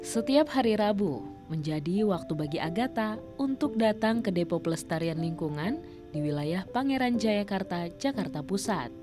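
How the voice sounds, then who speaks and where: A woman reading scripted documentary narration in a measured, even way. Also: mid-range voice, over music.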